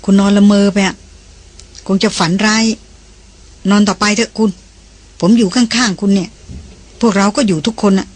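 A reader voicing a calm, protective young man in an audiobook, speaking evenly in a gentle, reassuring way with a husky tone. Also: high-pitched, normal speed, pauses often. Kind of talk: audiobook dialogue reading.

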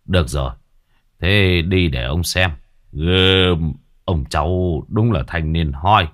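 A man voicing a gruff, foul-mouthed old village man who scolds bluntly in a spoken ghost story. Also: deep voice, fairly bright tone, heavily acted. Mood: teasing.

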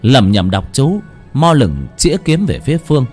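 A man narrating a horror story in a dramatic, expressive way. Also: mid-range voice, moderate pace, slightly rough, faint music behind.

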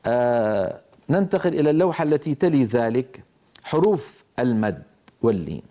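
A man delivers a patient lecture on how speech sounds are made, in a mellow, darker voice at an ordinary pitch. He explains step by step, sometimes pausing and restarting a phrase. He sounds out the example syllables himself as he goes. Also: sing-song. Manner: slow, explanatory, with hesitant restarts and demonstrated sounds. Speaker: Quran recitation teacher. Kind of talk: lecture on tajweed phonetics.

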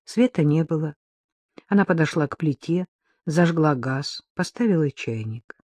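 A narrator giving a measured, expressive reading of an audiobook. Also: mid-range voice, no room sound.

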